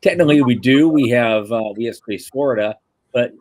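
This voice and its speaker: A man hosts a podcast interview in a loose, chatty manner, tossing in informal asides. His voice sits at a middle pitch, and the sound is dry and close with no room echo. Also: fairly quick, a little mellow. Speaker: podcast host. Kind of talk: casual interview chat.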